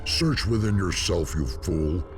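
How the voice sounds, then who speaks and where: An actor playing an ancient, arrogant undead dragon in a fantasy game, with grandiose, archaic and menacing speech. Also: male voice, low-pitched, expressive, unhurried. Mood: scornful. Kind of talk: scripted fantasy game voice acting. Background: game music.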